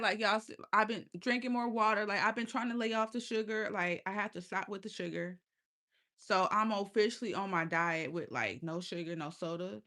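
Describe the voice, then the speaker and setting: Sharp in tone and mid-range in pitch, this livestream host has a lisp and keeps things casual. She swears freely, laughs a lot, and addresses her chat directly in a loose, easygoing way.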